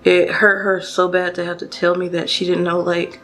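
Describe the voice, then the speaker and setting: Young woman with vocal fry, chatty storytime. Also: fairly low pitch, completely flat delivery, normal speed, fairly bright tone, faint music behind. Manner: casual, chatty, many fillers and restarts, addresses viewers directly. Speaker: beauty vlogger. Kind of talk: storytime while doing makeup.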